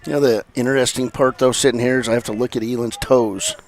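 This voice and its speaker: A man giving relaxed color commentary on a baseball game for radio, with folksy joking asides. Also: medium pitch, quick pace, background noise.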